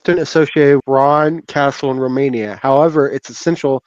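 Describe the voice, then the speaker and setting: A man calling in by phone, reading a search result aloud in a halting way, his line breaking up. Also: mid-range voice, steady tone, a little mellow. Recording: dull, dry phone-line audio.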